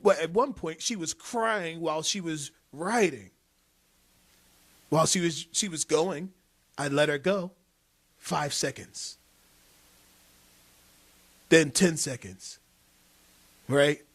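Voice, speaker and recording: A man's voice: fairly high pitch, takes it slowly, pauses often, fairly bright tone. A man hosting a motivational talk show, telling a personal story with emphatic repetition and frequent laughs. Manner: emphatic, repeats key phrases, laughs often. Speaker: host, motivational speaker. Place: TV studio set.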